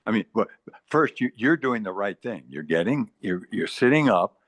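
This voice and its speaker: An eighty-five-year-old man in casual group chat, speaking haltingly with repeated words while earnestly giving advice. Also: fairly low pitch, big pitch swings, a bit bright, no echo. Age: 80s. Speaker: meeting participant. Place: retirement community.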